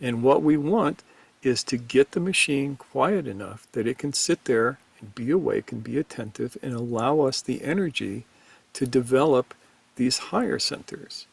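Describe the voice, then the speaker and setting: A man with a gravelly, creaky edge to his mid-pitched voice talks through spiritual ideas in a measured, emphatic way. The sound is close and dry, with no room around it. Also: dry recording. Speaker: podcast co-host teaching on Gurdjieff. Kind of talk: reflective spiritual discussion.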